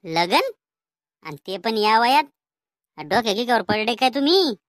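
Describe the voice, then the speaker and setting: A woman's voice: a little high, sing-song, moderate pace, fairly bright tone, no echo, clean studio sound. A woman voicing a cheeky, mocking young grandson in a cartoon comedy, with a Vidarbha Marathi accent and a teasing way of talking.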